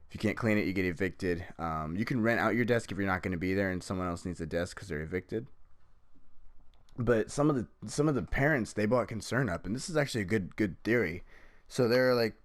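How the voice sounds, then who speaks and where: A deep-voiced man hosts a podcast, chatting casually in a rambling manner packed with swearing. There's no room sound on the recording.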